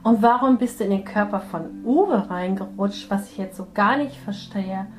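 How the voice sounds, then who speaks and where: A woman working as a spiritual medium, gently guiding a healing session and speaking softly to a soul. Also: mid-range voice, moderate pace, soft background music, low-quality recording. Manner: soft, soothing, gently addressing a soul.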